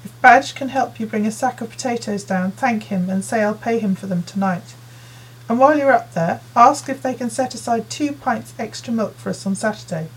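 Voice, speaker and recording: A woman voicing a busy working mother who fusses and hands out chores in a brisk, nagging way, read as an audiobook character. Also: fairly high pitch, breathy edge, low-quality recording. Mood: bossy. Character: busy, fussing working mother in her forties.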